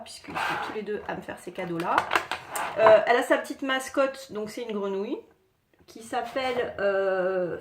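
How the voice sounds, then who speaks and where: Chatty woman in an echoey room. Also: medium pitch. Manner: chatty, halting, many fillers. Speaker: collector showing figurines. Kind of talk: casual unboxing chat. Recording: echoey room, faint noise.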